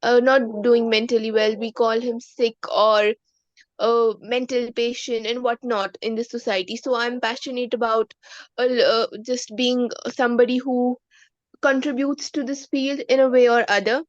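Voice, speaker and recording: A woman's voice: fairly high pitch, little pitch movement, moderate pace, no room sound. A young woman in her late teens from Kashmir with an Indian accent, a student earnestly and hesitantly asking for advice on an online call. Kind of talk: asking a question in an online session. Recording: dry, dull online call audio.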